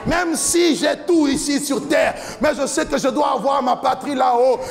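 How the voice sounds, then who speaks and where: High, gravelly man shouting a sermon. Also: moderate pace, soft background music. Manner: impassioned preaching, often shouting, chanting cadence. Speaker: pastor. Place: large church hall with a stage, indoors. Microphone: handheld mic.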